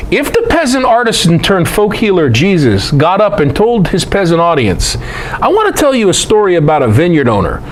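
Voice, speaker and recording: A presenter and Bible teacher with a high-pitched voice gives an animated lecture on scripture scholarship, over a faint hiss or hum. His delivery is emphatic yet conversational, full of rhetorical questions and folksy asides.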